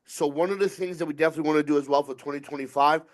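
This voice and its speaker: Profane, excitable podcast co-host man. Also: fairly high pitch, very fast. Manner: profane, stumbling restarts, hypes the crowd. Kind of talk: casual group podcast chat.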